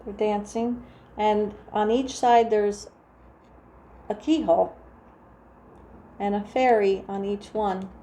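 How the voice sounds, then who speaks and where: A woman with a New Jersey accent doing a casual tarot reading, talking softly and meandering through restarts. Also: medium pitch, steady tone, slow pace, long pauses. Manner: soft, meandering, full of restarts and "like". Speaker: tarot reader. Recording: echoey room with faint ambient noise.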